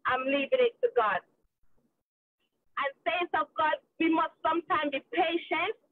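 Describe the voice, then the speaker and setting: A woman's voice: high-pitched, unhurried. Woman on a tinny car speakerphone. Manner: emphatic, repeats words while searching for them. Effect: phone call from a car speakerphone. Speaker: caller on a prayer line. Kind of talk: testimony. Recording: tinny phone line, dry.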